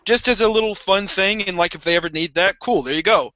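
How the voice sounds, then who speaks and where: A man's voice: sits high, quick pace, sharp tone, no echo, dull audio. A man joking and laughing in a casual group call, swearing offhandedly.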